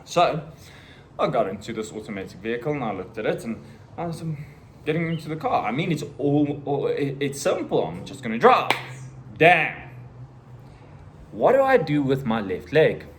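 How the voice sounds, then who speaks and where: A South African man in his thirties telling a personal story in a casual vlog, acting out the voices and the shouting. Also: medium pitch, big pitch swings, moderate pace, long pauses, a little hiss or hum. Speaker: vlogger.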